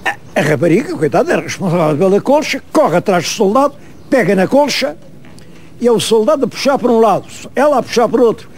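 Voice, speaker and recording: Animated high-voiced European Portuguese storyteller. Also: male voice, fast, a little hiss or hum. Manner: animated, vivid storyteller, addresses viewers directly. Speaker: history presenter. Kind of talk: storytelling to camera on location.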